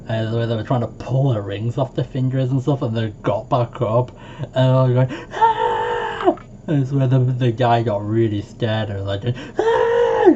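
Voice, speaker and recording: A man telling stories in a casual, rambling vlog monologue, full of fillers, with jumps into a much higher voice when he quotes people. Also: mellow. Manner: rambling, heavy on fillers like "like" and "it's where". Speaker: storytime vlogger. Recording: dull lo-fi home recording with faint noise.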